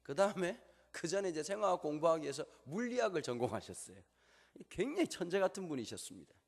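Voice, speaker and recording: Lively Gyeongsang-accented preacher in a hall. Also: male voice, on the high side, fast. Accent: Gyeongsang Korean. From Gyeongsang, Korea. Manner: humorous, lively storytelling. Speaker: pastor. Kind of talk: sermon with storytelling.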